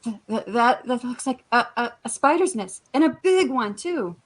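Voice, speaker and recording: A man's voice: very high voice, lively intonation, moderate pace, voice pushed up. A man voicing a frightened, polite young boy who speaks in a stuttering whisper.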